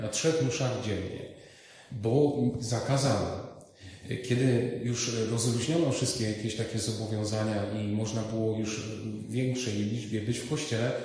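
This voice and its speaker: A man preaching a sermon as a priest, speaking haltingly with many fillers and repeated words. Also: on the low side, darkish tone, a little hiss or hum. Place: large reverberant church. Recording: echoey church hall.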